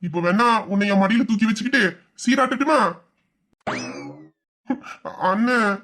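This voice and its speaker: A man voicing a loving, protective young elder brother in an audio story, speaking softly and from the heart. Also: very high voice, fast talker. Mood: teasing. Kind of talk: emotional audio-drama acting.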